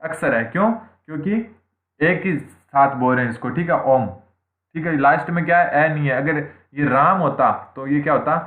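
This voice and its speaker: A man teaching an online grammar lesson, his voice sitting a little high for a man. He repeats each point and answers his own questions, checking in constantly with his students. The sound is tinny and phone-like, bouncing around an echoey room. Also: normal speed. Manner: frequent "theek hai" checks. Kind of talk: online exam-prep lesson.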